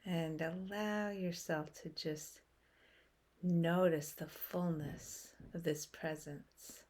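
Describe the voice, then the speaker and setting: With a lowish, darkish voice and a steady tone, a woman guides listeners through a meditation. Her delivery is soothing and unhurried, with short phrases and long pauses.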